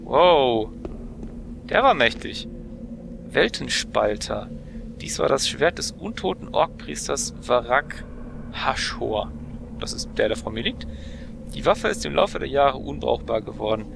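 A man's voice: medium pitch, animated, measured pace. A young man giving casual gameplay commentary as a let's player, musing and thinking aloud as he goes. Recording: clear background noise from game.

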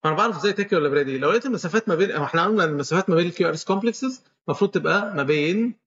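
Male lecturer, Egyptian accent, rapid step-by-step quizzing, dull lo-fi recording. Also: high voice, expressive, fairly bright tone. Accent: Egyptian Arabic. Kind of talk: medical lecture with questions to students.

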